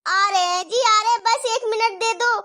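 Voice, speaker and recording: Woman doing a timid young wife, high bright voice, hurrying to calm her man, cartoon story. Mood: anxious. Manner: hurried, placating.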